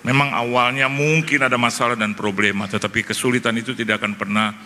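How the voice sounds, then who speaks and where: A middle-aged man preaches a testimony in a bright, forceful voice. He tells it as animated storytelling and acts out the conversations. There is a faint hum of noise behind him. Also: mid-range voice, fast. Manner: animated storytelling, acting out dialogue. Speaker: pastor. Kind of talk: sermon testimony.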